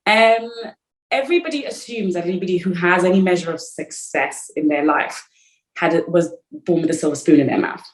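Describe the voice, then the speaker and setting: A woman's voice: on the low side, fairly quick. A woman from Africa hosting a podcast interview, enthusiastic and gushing as she asks her questions. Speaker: podcast host. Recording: roomy echo.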